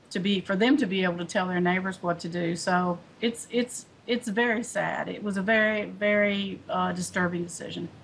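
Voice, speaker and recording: A woman gives a remote news interview as an environmental advocate, talking earnestly and circling back with "um" and restarts. Her voice sits mid-range for a woman, and a faint low rumble runs underneath. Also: gravelly, low-quality recording. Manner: earnest, many fillers and restarts. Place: remote studio link.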